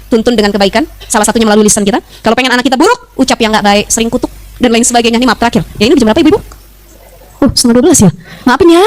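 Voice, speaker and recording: A middle-aged woman preacher gives a lively religious talk to a women's group, acting out quoted voices in a chatty, animated way. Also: on the high side. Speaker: female Islamic preacher.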